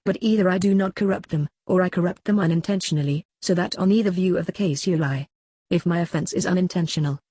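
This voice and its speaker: A reader voicing an aged philosopher on trial, cross-examining his accuser in a measured, questioning way in a dramatic reading. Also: medium pitch, dark tone, slightly rough, no echo, lightly acted. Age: older. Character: aged male philosopher on trial, probing, ironic. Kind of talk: dramatic reading of a classical dialogue.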